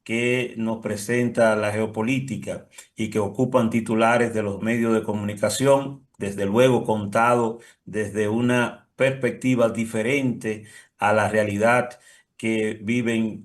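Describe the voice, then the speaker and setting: A man with a Dominican accent hosting an interview, introducing his guest and asking questions in a formal, somewhat rhetorical manner. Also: mid-range voice. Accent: Dominican Spanish. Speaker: interview host.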